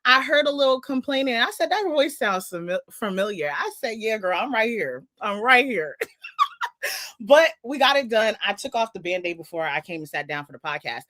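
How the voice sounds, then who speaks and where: A woman's voice: on the high side, fairly quick, hardly any pauses, no echo. A woman in her twenties co-hosting a podcast, chatting casually and acting out dialogue as she tells stories. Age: 20s. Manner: animated storytelling, acts out dialogue. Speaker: podcast co-host. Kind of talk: casual chat.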